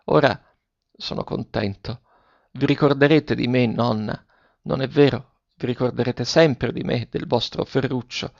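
A man voicing a wounded young boy, remorseful and weak, speaking in a faint, hushed voice, in a dull, dry recording. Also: mid-range voice, steady tone, a little slow, vocal fry, no echo. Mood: fading.

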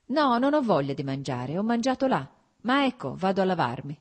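A woman voicing a cheerful, energetic young man, a landowner in an audiobook, speaking with eager exuberance. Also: mid-range voice, a little fast, slightly rough, voice pushed up. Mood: elated.

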